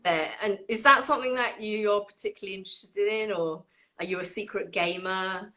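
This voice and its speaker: A woman hosting a casual chat, animated and laughing often as she tells stories. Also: mid-range voice, brisk. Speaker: orchestra violinist and host.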